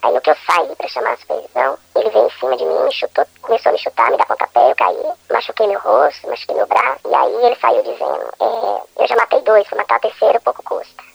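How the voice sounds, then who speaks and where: A woman schoolteacher giving anonymous testimony in a news report, her voice electronically distorted to hide her identity and her account fast and plain. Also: on the high side, animated, vocal fry, slightly rough, no room sound. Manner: fast, plain recounting of an attack.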